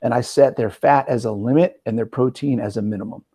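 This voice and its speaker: A man in his forties hosting a casual interview as a coach, talking in an energetic, conversational way with frequent "right?" asides. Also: medium pitch, brisk, husky. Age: 40s. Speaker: podcast host and metabolic coach.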